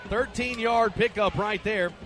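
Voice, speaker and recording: A man calling high school football play-by-play on radio, rising to shouts on big plays. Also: a little slow, over music.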